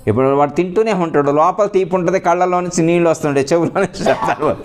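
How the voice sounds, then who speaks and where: A man gives a spiritual sermon at an ashram gathering. He explains things slowly, repeats phrases and asks rhetorical questions. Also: fairly high pitch, noisy background. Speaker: spiritual teacher.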